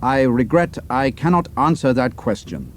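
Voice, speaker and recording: A man's voice: medium pitch, big pitch swings, normal speed, slight background noise, voice pushed up. A man voicing a captured British pilot who answers in a put-on German accent, guarded and clipped.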